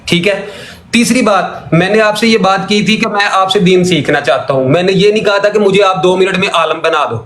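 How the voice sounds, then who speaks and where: A man's voice: high-pitched, a bit bright, a little hiss or hum. A man calling in to a religious debate, arguing heatedly, laying out his points one by one and repeating them. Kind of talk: heated call-in argument. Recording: echoey room sound.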